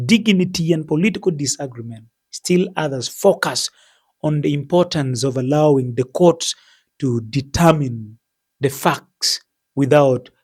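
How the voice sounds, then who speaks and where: A man with a husky voice delivering scripted explanatory news commentary in a measured, formal, deliberate manner. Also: on the high side, a little mellow.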